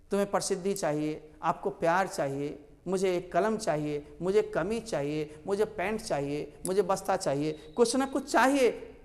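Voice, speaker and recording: High-voiced male teacher in echoey hall. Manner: explains slowly, repeats words with stress. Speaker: English teacher. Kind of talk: classroom lesson.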